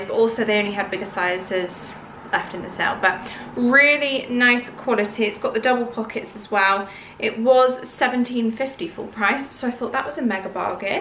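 A woman's voice: on the high side, sharp tone, a little hiss or hum, low-quality recording. A woman, chatting casually to a handheld camera about her shopping haul. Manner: chatty, rambling, upbeat. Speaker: lifestyle vlogger. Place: parked car, then a bedroom at home. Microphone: camera held at arm's length.

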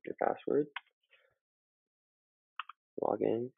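A man's voice: on the low side, very slow, gravelly, husky, no echo. A student talking through a casual computer tutorial with lots of fillers, his voice muffled as if heard through a wall from a built-in laptop mic. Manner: loose and chatty, with many fillers. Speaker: student making a how-to video. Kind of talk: casual screen-recording tutorial. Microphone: built-in laptop microphone.

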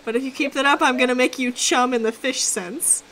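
A woman streaming a game and chatting casually, excitable and teasing, with sudden loud exclamations. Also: sits high, fairly quick, a little hiss or hum, low-quality recording. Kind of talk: casual gaming chat.

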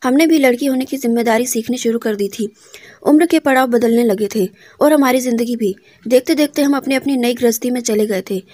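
A woman narrating an emotional first-person story about her mother in a soft, heartfelt and reflective way. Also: a little high, a little fast, no room sound. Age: adult, married daughter.

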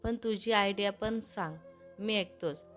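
A woman's voice: mid-range voice, a little slow, a bit bright, soft background music, lightly acted. A woman voicing a sleepy, cheeky young man bantering with his elder brother in a storybook reading.

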